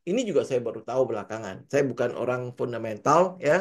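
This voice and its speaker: A man's voice: medium pitch, rapid-fire. A man with a Jakarta-slang Indonesian accent, giving a casual trading lesson. He keeps asking rhetorical questions and acts out what traders say. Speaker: trading coach.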